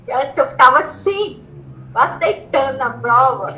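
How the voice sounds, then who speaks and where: Brazilian woman, high voice, excited retelling, repeats herself, roomy echo. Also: unhurried. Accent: Brazilian Portuguese. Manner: excited, repeats phrases, acts out her own past shouts. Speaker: interviewee, law graduate who passed the bar exam. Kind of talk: emotional personal storytelling.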